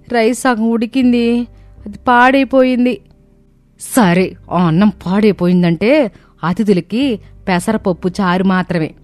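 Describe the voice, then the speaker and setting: A woman reads a family story, voicing the daughters-in-law and the mother-in-law in turn as the storyteller for every character. Her voice is medium-pitched and a little mellow, recorded dry.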